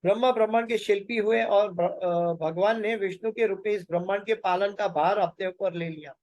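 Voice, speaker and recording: A man giving a scripture lecture, explaining slowly with pauses and repeating his phrases. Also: high-pitched, steady tone, darkish tone, no echo, poor audio. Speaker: Bhagavatam lecturer.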